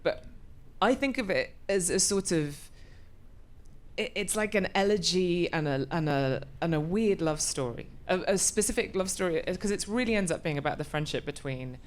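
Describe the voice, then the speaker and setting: A woman's voice: on the low side, expressive, normal speed. A woman in her forties being interviewed about her acting work, thoughtful and often restarting as she searches for words. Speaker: actor, interview guest. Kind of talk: conversational interview.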